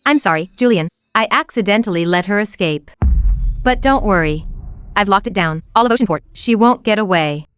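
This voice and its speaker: An actress playing a commanding, fiercely protective young wife in a dubbed melodrama. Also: female voice, mid-range voice, expressive, moderate pace, a bit bright, clean tone, close to an everyday voice. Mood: tender. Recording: slightly dull, music behind.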